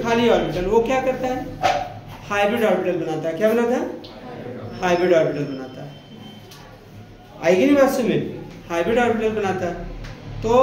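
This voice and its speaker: A chemistry teacher whose voice is very high with a darkish tone gives a lecture in an echoing classroom. He asks the class questions, then answers them himself, using the affectionate term "beta" for his students.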